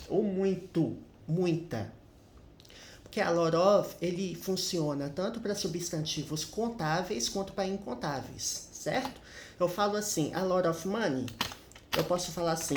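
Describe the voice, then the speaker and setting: Slow chatty guy teaching english grammar, echoey room, faint background noise. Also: fairly high pitch. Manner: chatty, frequent tag questions. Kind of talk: casual grammar lesson.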